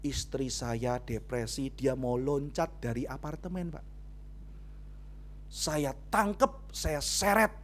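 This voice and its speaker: A man doing a frantic husband pleading his case. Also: fairly high pitch. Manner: urgent, raised and emphatic. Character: distraught husband telling how he restrained his wife.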